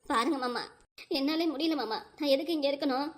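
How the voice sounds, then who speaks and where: A woman's voice: sits high, a little fast, lightly acted. A woman voicing a complaining middle-aged village wife who pleads in a whiny, self-pitying way in a cartoon. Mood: aggrieved.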